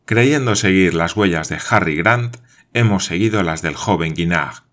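A man reading aloud voices an excitable male scholar in a storybook, exclaiming and explaining with animation. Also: low voice, moderate pace. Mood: excited.

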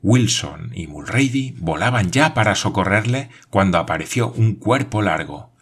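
A man's voice: on the low side, animated, moderate pace, fairly bright tone, slightly rough. A man narrating an adventure audiobook in a dramatic reading style with rising questions.

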